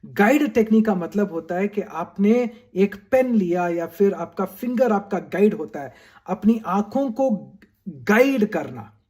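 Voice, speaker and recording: A man's voice: high voice, animated, a little slow, warm tone. A man coaching students in a video lesson, talking straight to them, checking in with "right?" and slipping English phrases into his talk. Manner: mixes English phrases into Hindi. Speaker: study skills coach.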